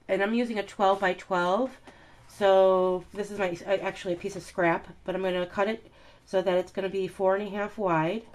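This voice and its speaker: With a medium-pitched voice made stuffy and nasal by a cold, a woman chats her way through a casual, step-by-step craft tutorial, dropping plenty of ums and uhs. There's slight noise in the background.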